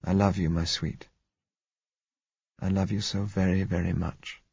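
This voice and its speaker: A male reader voices a gentle young lover in an audiobook novel. He is soothing and quietly resigned, with a slightly rough tone in a dull recording. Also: low-pitched, moderate pace. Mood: tender, resigned. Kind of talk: audiobook character voice. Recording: muffled, echoey recording.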